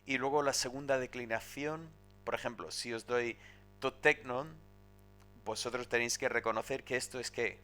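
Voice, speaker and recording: A man teaching a recorded grammar lesson, explaining step by step and often checking in with "¿vale?". He drills word forms slowly, syllable by syllable, and corrects himself as he goes. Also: medium pitch, steady tone, fairly bright tone, faint music behind. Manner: self-correcting, with hesitations. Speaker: Greek teacher.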